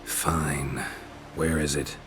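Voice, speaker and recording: An actor playing a gruff, world-weary monster hunter in a video game, terse and dry with a gravelly voice. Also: male voice, extremely low pitch, little pitch movement, very slow, noisy background, exaggerated voice. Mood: dry, laconic.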